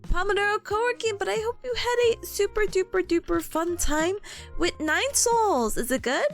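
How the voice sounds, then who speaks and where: Young woman streamer, very high voice, cutesy bubbly delivery, casual chat, faint music behind. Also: animated, normal speed. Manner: cutesy, bubbly speak with playful repeated words and baby-talk sayings. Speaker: VTuber streamer hosting a co-working stream.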